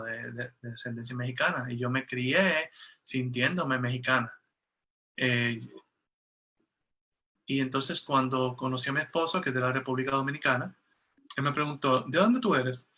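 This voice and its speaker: Un hombre que interpreta una conversación en una videollamada y habla en tono conversacional, con muchas muletillas y frases que vuelve a empezar. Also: male voice, medium pitch, bright, forceful tone. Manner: conversational, with frequent fillers and restarts. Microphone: video call.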